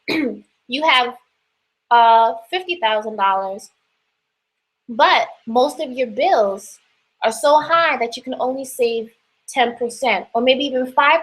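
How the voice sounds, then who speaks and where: A woman's voice: on the high side, animated, a little slow, fairly bright tone, low-quality recording. A young woman with a New York accent giving casual personal finance advice, chatty with lots of fillers and restarts.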